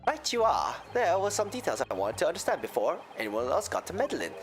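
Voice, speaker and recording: A man's voice: on the high side, huge pitch swings, quick pace, over music. A man voicing a folksy, genial Irish moneylender in a courtroom game, with an Irish accent and a theatrical lilt. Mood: slyly genial. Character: folksy, smooth-talking Irish moneylender, genial male witness. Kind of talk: voiced reading of game dialogue.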